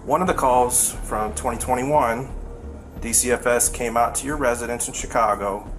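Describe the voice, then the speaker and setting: A man's voice: medium pitch, steady tone, moderate pace, faint music behind. A male police officer questioning someone firmly and explaining things, recorded on body cam audio. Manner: firm, explanatory.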